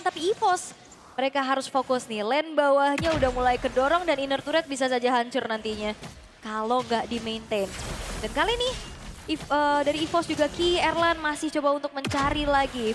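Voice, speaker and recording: A woman with an Indonesian accent, an esports caster, gives flowing, keyed-up analysis of a live match. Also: sits high.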